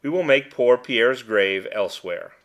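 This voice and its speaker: A man reading aloud, voicing an old village priest who speaks gravely. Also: mid-range voice, lively intonation, a little slow, fairly bright tone. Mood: stern. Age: older. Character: old male village priest, stern and solemn.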